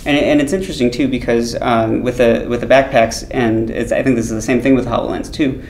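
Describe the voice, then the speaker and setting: A man's voice: steady tone, brisk, darkish tone. A man in his thirties interviewing casually and thoughtfully at an expo booth. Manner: casual, thoughtful, many backchannels. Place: booth at a tech expo, indoors. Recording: roomy expo hall with faint rumble.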